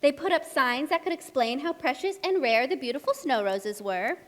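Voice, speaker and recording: A woman with a high-pitched voice tells a story at a live puppet show for young children, expressive and asking them simple questions. She keeps a moderate pace, and the hall gives the recording an echo.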